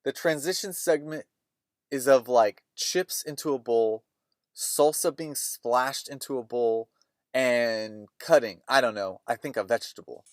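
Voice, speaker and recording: A man's voice: mid-range voice, measured pace, no room sound, studio quality. A man hosting a movie podcast, retelling scenes in a rambling, opinionated way. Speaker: podcast host.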